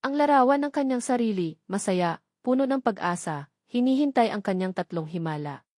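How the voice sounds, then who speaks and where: A woman's voice: mid-range voice, expressive, moderate pace, a little mellow, no echo, clean studio sound. A woman with a Filipino accent reading a scripted romance story as a dramatic audiobook narrator.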